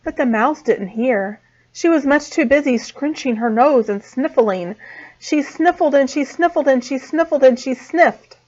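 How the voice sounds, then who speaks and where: A preschool teacher reading a picture book aloud, expressive and unhurried. Her voice sits a little high and the recording is dull and lo-fi. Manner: expressive and slow. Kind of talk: storybook read-aloud for small children. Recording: dull lo-fi sound.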